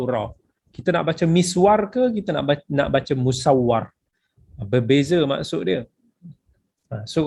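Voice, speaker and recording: A man's voice: on the high side, vocal fry, darkish tone. A man with a Malaysian accent, a religious teacher explaining a book in a patient lecture, slipping English phrases into his talk.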